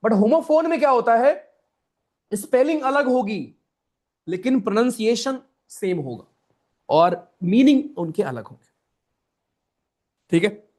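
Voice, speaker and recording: High-voiced Hindi-accented man teaching a class. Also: big pitch swings, measured pace, pauses often, a little mellow. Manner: chatty, addresses students as brothers and friends; repeats key points, asks "right?" often. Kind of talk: online class lecture.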